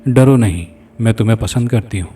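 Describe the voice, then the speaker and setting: Reading lines for a seductive, menacing female spirit in a horror story, a man uses his lowish, dark-toned voice in a lightly acted, coaxing and threatening way. The recording has a little hiss or hum, with a distant mic and faint music.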